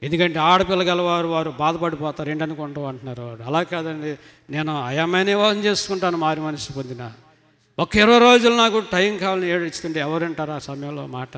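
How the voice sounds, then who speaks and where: A middle-aged man giving an emotional testimony to a church congregation, swinging between loud emphatic cries and soft low asides. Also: quick pace. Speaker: testimony speaker at a church retreat. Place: church hall. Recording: long reverb of a large hall.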